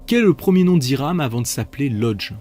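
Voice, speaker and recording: A man's voice: medium pitch, lively intonation, a little fast, darkish tone, soft background music. A man hosting a multiple-choice quiz, reading out questions and options with playful, chatty asides. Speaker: quiz host.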